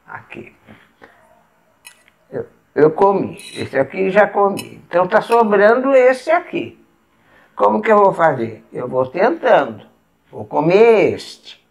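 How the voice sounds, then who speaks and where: A woman with a Brazilian Portuguese accent, patiently showing step by step how to eat at the table and pausing to eat as she goes. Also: mid-range voice, big pitch swings, gravelly, a little mellow. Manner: patient, explains step by step while eating. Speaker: etiquette instructor. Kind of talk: casual demonstration.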